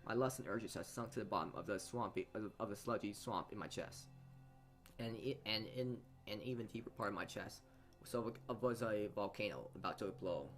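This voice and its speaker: A let's play host voices a visual novel's narration at normal speed, his voice fairly low in pitch with a fairly bright tone. He trips on words, rereads phrases and adds side comments, all over background game music.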